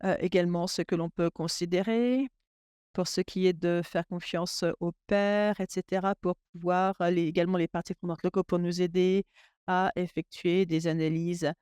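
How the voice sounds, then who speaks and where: A man interpreting a webinar panel discussion into French in real time, halting and often restarting his sentences. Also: sits high, steady tone, a little mellow, clean tone, no room sound, studio quality. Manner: halting, with frequent restarts and fillers. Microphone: remote webinar audio.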